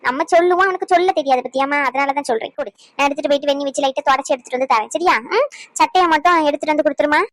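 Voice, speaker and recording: A woman's voice: high voice, rapid-fire, a bit bright. A woman voicing a fussy, scolding older grandmother in a cartoon. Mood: fussing. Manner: nagging, scolding. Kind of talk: cartoon voice acting.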